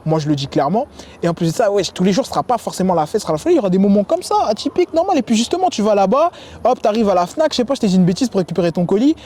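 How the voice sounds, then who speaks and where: Young male vlogger with a high, warm voice. Slangy, spontaneous, energetic delivery. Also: very fast. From United States. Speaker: dating advice vlogger. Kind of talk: casual advice to camera. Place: sports complex.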